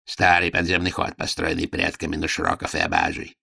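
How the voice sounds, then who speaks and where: A cruel, scheming court minister, as the male reader puts him on, menacing and cold, squeaking when rage takes over. The voice is low and gravelly, recorded dry and close. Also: sing-song, brisk, pushed and bright, dry recording, exaggerated voice.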